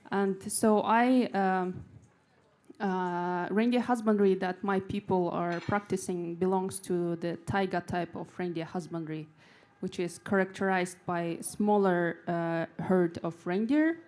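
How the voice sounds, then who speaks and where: A woman from Russia giving a conference presentation, speaking haltingly with many fillers and friendly restarts. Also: lowish voice, fairly even intonation, darkish tone. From Yakutia, Russia.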